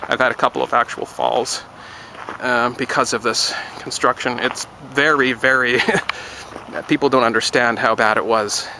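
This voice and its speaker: A man's voice: medium pitch, flat delivery, a little slow, background noise. A man talking frankly in a casual outdoor vlog, rambling and wry, near a construction site. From Canada. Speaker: vlogger.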